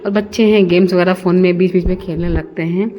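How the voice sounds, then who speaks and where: A woman's voice: on the low side, fairly even intonation, quick pace, muffled recording, slight background noise. A middle-aged woman narrating her family's day in a chatty, homely storytelling way, as a vlogger.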